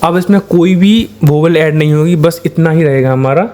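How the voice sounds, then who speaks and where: An Indian-accented man talks through a shorthand lesson in a fairly high voice. He works step by step, putting questions to his students and answering them himself in a patient, repetitive classroom manner. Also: normal speed, mellow. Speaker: shorthand teacher.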